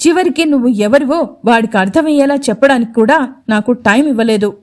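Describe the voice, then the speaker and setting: A woman voicing a sharp-tongued tearful young woman. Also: fairly high pitch, fairly quick, close to an everyday voice. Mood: bitter. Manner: angry, sarcastic, then pleading.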